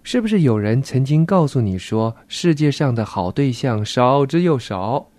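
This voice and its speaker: Relaxed male radio host, mellow tone. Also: mid-range voice, moderate pace, no echo. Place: radio studio.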